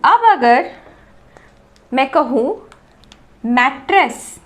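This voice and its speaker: A woman with an Indian accent teaching English grammar, explaining slowly and repeating sounds and words to demonstrate them. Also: high voice, big pitch swings, fairly bright tone, slight background noise. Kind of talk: classroom-style lesson explanation.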